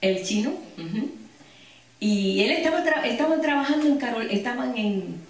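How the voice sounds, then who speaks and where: A woman preaches to her congregation, breaking into stories and quick asides. Her voice sits a little high and is picked up from a distance. A booming echo fills the large church hall around her. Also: expressive. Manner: storytelling, addresses the congregation with frequent asides. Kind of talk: sermon. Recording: echoey hall, distant mic.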